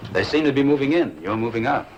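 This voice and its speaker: An actor playing a captured American colonel who answers tersely and guardedly. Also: male voice, mid-range voice, expressive, fast, highs cut off, lightly acted. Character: captured American bomber colonel, male, steady and defiant. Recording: noisy TV drama soundtrack.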